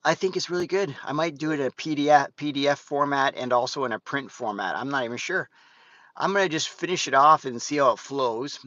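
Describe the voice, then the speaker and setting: A fitness vlogger in his fifties chats through a casual live vlog while driving, rambling and restarting often and saying "guys" a lot. His mid-range voice is a little fast and sharp. The audio is dull, with no room sound, and faint car and road noise come from inside the moving car.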